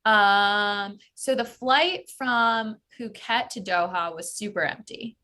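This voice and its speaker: A woman's voice: medium pitch, slow, sharp tone. An American woman, a travel expert, chatting as a guest in a casual interview, full of fillers like "like" and "um". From United States.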